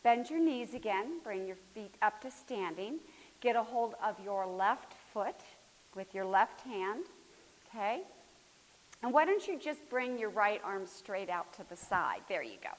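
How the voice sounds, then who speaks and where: A woman's voice: medium pitch, expressive, a little slow. Woman coaching a floor movement class. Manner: coaching, encouraging, calls students by name; drops to a near whisper at times. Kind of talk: live class instruction. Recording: hissy recording in a reverberant hall.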